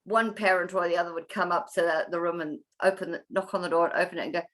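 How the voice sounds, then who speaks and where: A woman's voice: fairly low pitch, fairly even intonation, fast. A woman co-hosting a casual chat, telling stories with dry humour. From Britain. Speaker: co-host.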